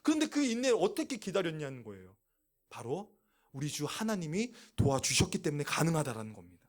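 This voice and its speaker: Animated man preaching to teens. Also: a little high, fairly quick. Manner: animated, asks the audience questions and answers them. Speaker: youth pastor. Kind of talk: sermon to teenagers. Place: church youth service, also streamed online.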